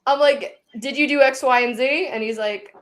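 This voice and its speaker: A woman in her thirties with a Long Island accent co-hosts a live podcast, telling stories in casual chat and animatedly acting out the quotes. Her voice sits high and moves at a moderate pace.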